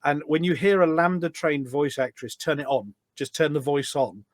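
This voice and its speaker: A game voice pack producer chats casually as a podcast guest, an enthusiastic storyteller drifting from one detail to the next with anecdotes. His fairly high voice moves at a moderate pace, and the recording is dry with clean studio sound.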